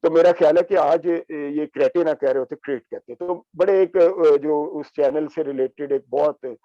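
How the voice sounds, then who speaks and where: A man giving a reflective talk full of anecdotes, pausing often with filler sounds and slipping in English terms. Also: a little high, no room sound. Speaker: speaker on books and reading. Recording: dull lo-fi sound.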